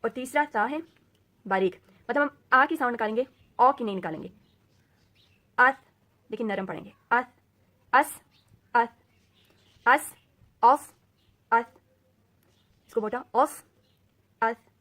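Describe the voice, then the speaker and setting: A woman teacher with a fairly high voice leads a recorded Quran reading lesson. She explains slowly and patiently, dropping English words into her teaching. She repeats each letter sound again and again so learners can copy it.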